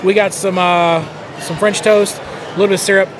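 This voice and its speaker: Loud diners, crowd chatter and clattering dishes fill the background as a high-voiced man reviews food on camera in a busy indoor casino buffet. He eats as he talks at a moderate pace, relaxed and chatty, musing aloud between bites.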